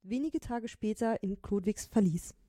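A woman reading scripted narration calmly. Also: medium pitch, moderate pace, dry recording, studio quality.

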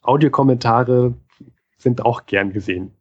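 A man's voice: mid-range voice, unhurried. Hesitant man on a lo-fi podcast call. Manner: hesitant, fumbling over pronunciation. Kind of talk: casual podcast banter.

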